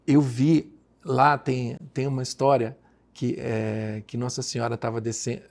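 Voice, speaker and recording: A man's voice: medium pitch, flat delivery, a little slow, creaky, a little mellow. A Brazilian man with a Brazilian Portuguese accent, telling a devout personal story as a guest in a podcast conversation.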